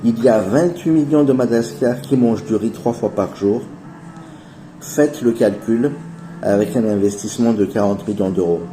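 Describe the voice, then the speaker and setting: A man in his forties giving an earnest, persuasive investment pitch as voice-over narration, addressing his viewers as family. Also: dark tone. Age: 40s. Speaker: channel host pitching an investment project.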